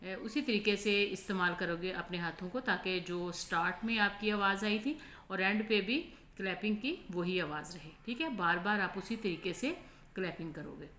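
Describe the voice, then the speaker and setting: A woman's voice: mid-range voice, pushed and bright. Pakistani teacher woman, patient lesson voice. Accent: Pakistani Urdu. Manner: explains slowly, repeats "ठीक है?" often. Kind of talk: online lesson explanation. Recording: echoey room with faint noise.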